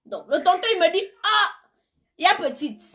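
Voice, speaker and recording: A woman's voice: very high voice, big pitch swings, fairly quick, gravelly, pushed and bright. A woman, chatting to her viewers in a gossipy, playful way and telling stories with mimicry. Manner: gossipy, playful, repeats words and mimics others. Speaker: live streamer commenting on news. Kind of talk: animated storytelling chat.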